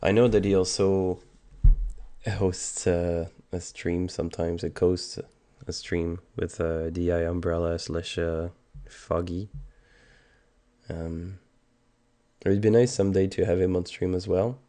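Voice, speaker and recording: A Canadian music streamer in his thirties chats casually on a livestream while sick with a stuffed nose and sore throat. His low, dark voice barely moves in pitch and runs a little slow as he rambles hesitantly, full of ums and restarts.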